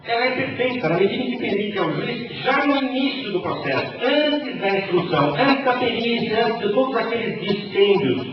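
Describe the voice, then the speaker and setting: A man with a Brazilian Portuguese accent giving a conference lecture as a panelist, telling wry stories in a lively way. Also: very high voice, moderate pace, few pauses, crowd noise. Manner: lively storytelling, wry humour. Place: large conference hall. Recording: echoey hall, distant dull mic, noisy.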